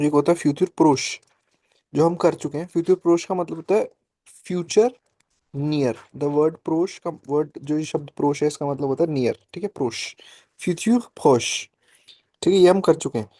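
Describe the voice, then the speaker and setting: A man's voice: on the high side, mellow, dry recording. A man teaching a French class over a video call, explaining patiently and checking in with his students often. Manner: slow, patient explaining with frequent "ठीक है" checks. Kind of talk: live online class, Hindi-English mix.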